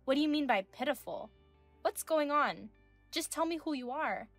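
A woman's voice: sits high, lively intonation, normal speed, a bit bright, faint music behind. A woman in her thirties reading scripted dialogue as a wronged wife, firm and indignant. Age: 30s.

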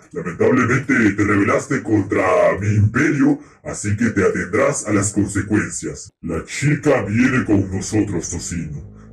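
A man voicing a grandiose, bossy ruler, scolding his sidekick and panicking when threatened in a game roleplay. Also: fairly low pitch. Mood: gloating. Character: self-proclaimed boss, grandiose conqueror. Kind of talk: roleplay commentary in a video game. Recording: roomy echo, faint noise.

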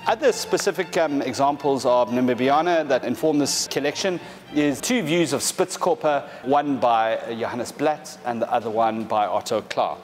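A man's voice: medium pitch, soft background music. Man presenting artworks in a gallery. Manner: measured, explanatory, with frequent fillers and restarts. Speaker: art specialist. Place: large gallery hall, indoors.

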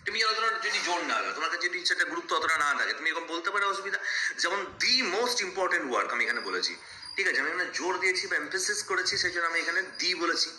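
A man teaching English pronunciation in an explanatory lesson, repeating examples slowly and drawing out the English words. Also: high-pitched, animated, pushed and bright, a little hiss or hum. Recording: echoey room.

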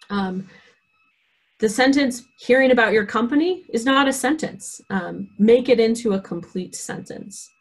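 A woman presenting a career skills workshop, explaining points and often pausing with "um". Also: mid-range voice. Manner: frequent "um" fillers, reads example emails aloud. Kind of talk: online workshop lesson.

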